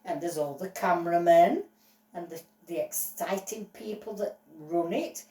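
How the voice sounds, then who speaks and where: A woman voicing an excitable male dog on trial, gushing and apologetic in a playful toy-play story. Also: fairly low pitch, measured pace, recorded from a distance, lightly acted. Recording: roomy echo, voice off-mic.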